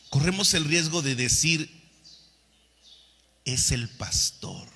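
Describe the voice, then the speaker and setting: A male pastor preaching a sermon with animated delivery, swinging between quiet and loud. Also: on the high side. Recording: long hall reverb.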